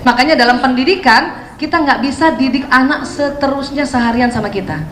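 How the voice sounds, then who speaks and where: A woman giving a lively, chatty talk on parenting to an audience of mothers and acting out scenes between mother and child. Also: high-pitched, fairly quick, noisy background. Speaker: parenting speaker. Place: hall with an audience. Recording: echoey hall, faint ambience.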